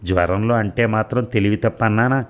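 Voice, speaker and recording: A man voicing a worried young husband, tender and earnest as he begs his sick wife to believe she will recover. His words come deep and low, coaxing and reassuring, in an audiobook story. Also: a little fast, natural voice. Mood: pleading.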